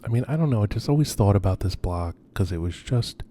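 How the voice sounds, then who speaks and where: A man's voice: lowish voice, lively intonation, fast talker, dark tone. A man giving an unscripted narrated tour as an urban explorer, speaking in a hesitant, musing, subdued way with trailing phrases. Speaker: video host and urban explorer. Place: on location at night around abandoned row houses. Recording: noisy ambient location recording.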